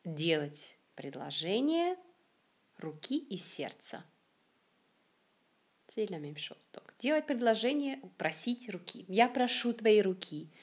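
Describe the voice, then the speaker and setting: A Siberian woman with a Russian accent teaches a careful language lesson, slowly saying each example phrase and clearly repeating it. Her voice is mid-range and very animated.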